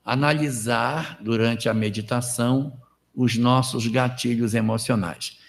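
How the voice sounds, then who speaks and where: Gravelly Brazilian spiritist lecturer. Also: male voice, mid-range voice, fairly even intonation, measured pace. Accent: Brazilian Portuguese. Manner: conversational, tag questions, acts out inner thoughts.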